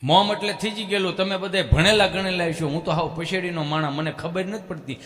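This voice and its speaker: A man telling folk humor stories on stage with a Kathiyawadi Gujarati accent, animated and breaking into loud calls. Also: sits high, brisk. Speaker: stage comedian. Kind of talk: live folk humor storytelling. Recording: long hall reverb.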